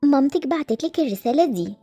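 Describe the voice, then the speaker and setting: Quick and high, a woman plays a caring Egyptian headmistress in an animated game story. She soothes and reassures gently, with a light, bright pitch and rapid delivery. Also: faint music behind. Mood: kind. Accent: Egyptian Arabic.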